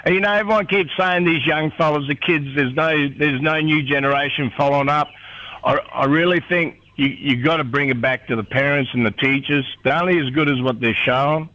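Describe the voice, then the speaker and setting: A man's voice: a little high, fairly quick, bright, forceful tone. A middle-aged man with a rural North Queensland accent, chatting casually on radio in a rambling, laconic drawl. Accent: rural North Queensland Australian. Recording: dull, lo-fi radio sound.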